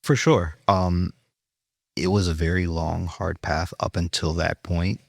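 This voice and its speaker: A man's voice: low-pitched, steady tone, unhurried, vocal fry, dry recording, studio quality. A man with a New York accent, a chef being interviewed, telling his story earnestly with fillers and restarts. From Brooklyn. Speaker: chef, guest.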